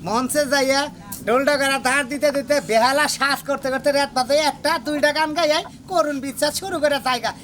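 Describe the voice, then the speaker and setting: A woman's voice: high voice, fairly even intonation, quick pace, fairly bright tone. A woman playing an outspoken village sister-in-law in a rustic comedy, scolding and lecturing. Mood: bossy. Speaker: sister-in-law arranging song lessons.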